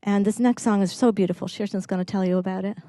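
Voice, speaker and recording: A woman musician casually introducing instruments between songs, friendly and halting, with fillers and small laughs. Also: medium pitch, steady tone, warm tone, no echo.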